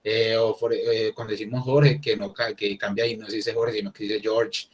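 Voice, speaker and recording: A man's voice: lowish voice, flat delivery, brisk, slightly rough. A man teaching an English class online, talking casually and thinking aloud with many restarts.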